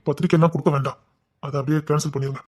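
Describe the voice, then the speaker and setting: A man's voice: fairly high pitch, steady tone, racing, husky. A young man acting a proud village son who earnestly pleads with his parents, in a family drama.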